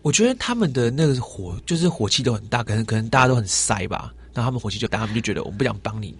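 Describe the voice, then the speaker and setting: A man with a Taiwanese Mandarin accent chatting as a guest, telling travel stories in an animated way and acting out the exchanges he describes. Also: mid-range voice, rapid-fire, husky. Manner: animated storyteller, acts out quoted exchanges. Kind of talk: casual chat.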